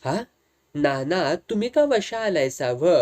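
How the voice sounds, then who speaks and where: A pushy rural headman with a pitched-up voice, blunt and commanding in broad village speech, as a male narrator plays him. He talks slowly and deliberately. He is part of a told comic story. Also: big pitch swings, darkish tone. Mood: suspicious. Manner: brusque rustic village dialect.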